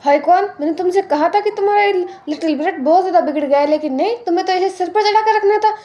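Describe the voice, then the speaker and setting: A woman voicing a sharp-tongued scolding spouse. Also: extremely high pitch, very fast, muffled recording. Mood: stern. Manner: scolding, bossy.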